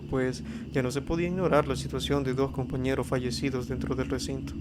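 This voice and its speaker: A man narrating a horror story as scripted narration, reading in a steady, even way. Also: mid-range voice, background noise. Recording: eerie ambience under the voice. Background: spooky ambience and effects.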